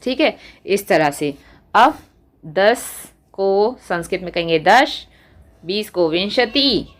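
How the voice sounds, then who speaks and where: A woman teacher speaks at a very unhurried pace, drawing out each word as she recites. She stops now and then to put questions to her viewers, her pitch sitting in an ordinary middle range. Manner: slow, deliberate recitation, quizzing the viewer. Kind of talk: classroom lesson.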